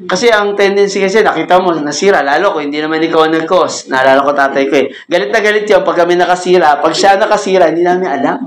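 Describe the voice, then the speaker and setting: A man's voice: high-pitched, quick pace, hardly any pauses. A man leading a cell group Bible lesson as a pastor, speaking conversationally, joking and laughing often and asking the group questions. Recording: echoey room with faint ambient noise.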